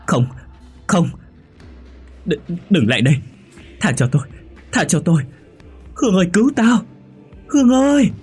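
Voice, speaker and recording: Frightened young woman, as a man puts her on, high and loud, pleading, ghost story. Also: very animated, very slow, pauses often, slightly rough, soft background music, exaggerated voice. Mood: panicked. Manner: pleading, panicky. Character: terrified young woman begging for mercy.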